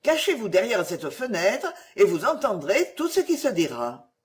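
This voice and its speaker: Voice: sing-song, moderate pace, lightly acted. A storyteller voicing an enchanted princess turned into an owl, who pleads eagerly in a raised voice. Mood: pleading, eager. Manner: eager, higher and louder than the narration. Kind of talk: storybook reading.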